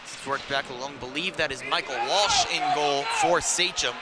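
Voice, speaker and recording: A man's voice: fairly high pitch, normal speed. A man giving live ice hockey commentary in clipped phrases that follow the play. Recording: noisy rink ambience around the mic.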